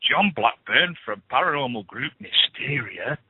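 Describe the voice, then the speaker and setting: Husky radio host, phone-like line. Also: male voice, medium pitch, lively intonation, a little slow, no echo. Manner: chatty, scoffing asides between news items. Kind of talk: reading paranormal news with asides.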